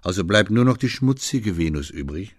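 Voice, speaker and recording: A man voicing a quick-witted young woman who teases lightly, in an audiobook reading. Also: on the low side, animated, no room sound, clean studio sound.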